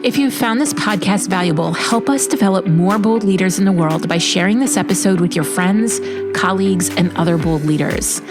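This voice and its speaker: A middle-aged woman speaks on her solo podcast in a slightly low voice. She sounds chatty and encouraging, dropping casual fillers as she coaches her listeners. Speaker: podcast host and business coach.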